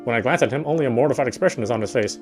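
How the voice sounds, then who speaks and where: A man with a mid-range voice reads a visual novel's scripted narration aloud at a rapid-fire pace, occasionally stumbling over a phrase and rereading it. He's a game player reading aloud, with soft guitar game music playing in the background.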